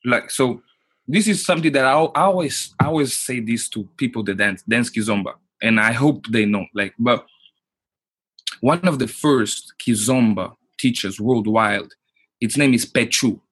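A man, a guest in a casual interview, halting and restarting often as he talks. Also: medium pitch, a bit bright, breathy edge, no echo. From Portugal. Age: 30s. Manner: halting, restarts often, many "you know, like".

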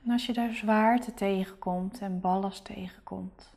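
A woman guiding a meditation in a soft, breathy spa-like near-whisper, giving gentle, soothing, unhurried instructions. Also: mid-range voice, steady tone. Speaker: meditation guide.

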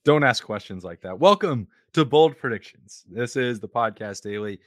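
Guy hosting a sports podcast, jokey and grand, mid pitch, dry close mic. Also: expressive, normal speed, dry recording. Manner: playful, mock-grand announcer flourishes. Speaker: podcast host. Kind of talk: casual sports podcast banter.

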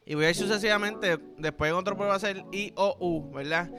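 A man's voice: sits high, fairly quick, music in the background. A young man with a Puerto Rican accent hosting a casual comedic podcast. He rambles in a crude, playful way and keeps checking in with the listener. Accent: Puerto Rican Spanish. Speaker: podcast host.

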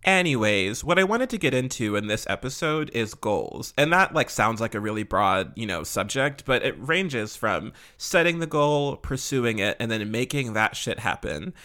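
A man's voice: medium pitch, big pitch swings, moderate pace, hardly any pauses, sharp tone. Male podcast host, mid-range voice, casual and candid, sassy slangy delivery with swearing. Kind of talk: casual, chatty solo podcast talk.

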